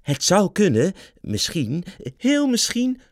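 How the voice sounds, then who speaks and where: A man voicing a male mouse who fakes a squeaky, hesitant voice so he is not recognised, in a storybook reading. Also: wildly swooping pitch, slow, dry recording, studio quality, exaggerated voice. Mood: evasive.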